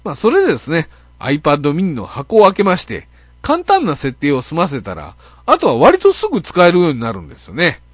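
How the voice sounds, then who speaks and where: A man with an Okayama Japanese accent hosts a casual net radio monologue. His voice sits a bit high and swings all over the place as he tells his stories. He talks in a grumbling, self-mocking way, full of fillers, and the sound is close and dry. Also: huge pitch swings, a little fast, breathy edge, no echo. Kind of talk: casual monologue, comic storytelling.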